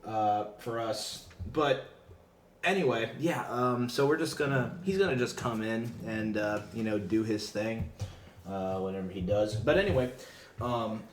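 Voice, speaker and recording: A man hosting a casual podcast, telling stories in a rambling way, full of fillers and quick laughs. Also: lowish voice, a little hiss or hum. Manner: rambling, filler-heavy storytelling with frequent laughter. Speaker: podcast host. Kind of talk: casual chat. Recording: roomy echo.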